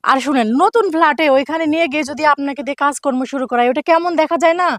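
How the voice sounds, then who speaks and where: An actress playing a reassuring but defensive young daughter-in-law in a family drama, talking in an insistent, conversational way. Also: female voice, sits high, very fast, dry recording, studio quality, natural voice. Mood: soothing. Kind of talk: Bengali family TV drama acting.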